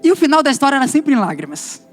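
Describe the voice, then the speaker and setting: A middle-aged man with a Brazilian Portuguese accent, a pastor giving a testimony sermon and telling his story in a lively way, acting out the dialogue. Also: very high voice, rapid-fire, faint music behind.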